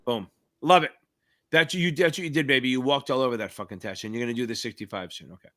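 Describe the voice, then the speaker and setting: A man hosting a live Q&A stream for exam takers, reading out viewers' names and answering them with loud, profane cheers. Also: mid-range voice, fast talker, soft background music. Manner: hyped, profane, shouty cheers. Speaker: livestream host and exam tutor. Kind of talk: live Q&A chat.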